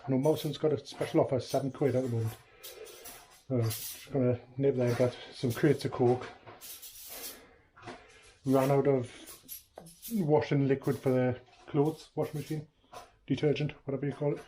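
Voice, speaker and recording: A man's voice: mid-range voice, fairly even intonation, moderate pace, long pauses, warm tone, slight background noise. A middle-aged man, chatting casually in a home video diary and often trailing off mid-sentence. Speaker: vlogger. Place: living room at home.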